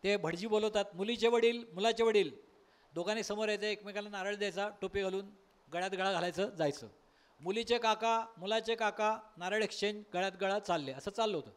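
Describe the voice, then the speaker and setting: A man tells comic stories from a stage in a high voice. He performs with lively timing and keeps breaking into sung verses and quick character voices. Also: smooth. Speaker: stand-up comedian. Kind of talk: comic storytelling monologue. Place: live stage at a college workshop.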